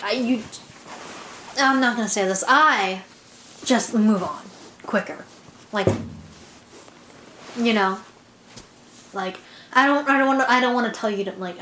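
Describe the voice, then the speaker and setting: A woman's voice: fairly high pitch, fairly bright tone, a little hiss or hum. A young woman vlogging casually, rambling and self-conscious, with constant "like" fillers. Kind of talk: casual confessional chat. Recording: echoey room.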